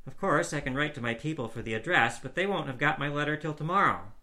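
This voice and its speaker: An eager, aggrieved young man tells his tale of being stranded, as a male storyteller puts him on, pitched well above the reader's own voice. His tone is bright and ringing, and his words tumble out in a pleading rush. It is a storybook reading. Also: animated, fast.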